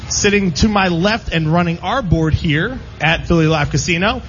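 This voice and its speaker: A man with a high, slightly bright voice hosts a live sports radio show at normal speed, bantering and rolling through long introductions. It's a live remote broadcast from a casino, captured as dull lo-fi audio with faint background noise.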